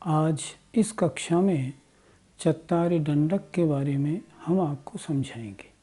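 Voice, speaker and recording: A woman teaching the correct recitation of a prayer, chanting each line slowly and explaining its meaning with careful pronunciation. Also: low-pitched, mellow, breathy edge. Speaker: religious teacher. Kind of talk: slow devotional recitation and explanation.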